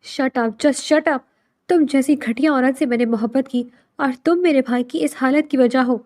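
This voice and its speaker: A woman's voice: sits high, darkish tone, no room sound, clean studio sound, natural voice. A woman reading the lines of an angry, proud young man who speaks harshly, in a storybook drama. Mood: furious.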